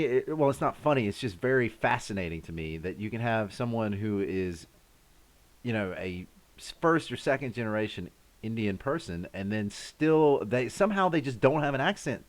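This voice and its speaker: A rambling American man hosting a casual live-stream chat from home. His voice sits low but swings up and down a lot. He talks straight to his viewers by name. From United States.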